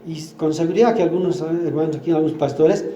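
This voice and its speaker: A man's voice: fairly high pitch, fast, mellow, reverberant. An older man gives a sermon at church, teaching with everyday examples and asking the congregation questions. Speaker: church speaker.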